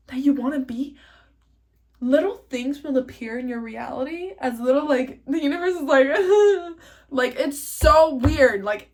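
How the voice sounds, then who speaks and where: A woman giving a casual self-help lesson in a chatty, excitable way, swearing freely. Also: high voice.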